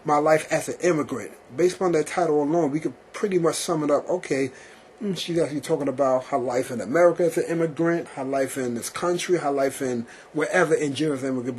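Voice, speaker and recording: A man hosting a talk show, asking long-winded questions he keeps rephrasing and answering with steady okays and yeses. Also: mid-range voice, a little hiss or hum. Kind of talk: casual interview.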